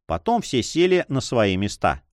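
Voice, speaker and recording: A man narrating an adventure novel in an expressive, dramatic reading. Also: mid-range voice, moderate pace, no room sound, studio quality. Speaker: audiobook narrator. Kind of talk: scripted narration.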